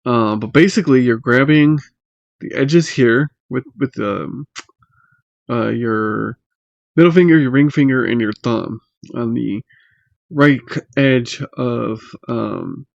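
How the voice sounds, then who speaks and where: A man giving a casual, unscripted tutorial in a halting, hesitant way, pausing mid-phrase, recorded on a laptop microphone. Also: medium pitch, gravelly, no echo, lo-fi sound. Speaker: magic tutorial host. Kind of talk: casual unscripted how-to explanation. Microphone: laptop built-in mic.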